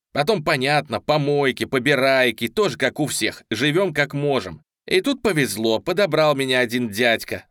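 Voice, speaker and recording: A man voicing a menacing, cold young male gunman in an audio story, who talks coarsely and sometimes drawls slowly. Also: medium pitch, a bit bright, dry recording, clean studio sound, close to an everyday voice.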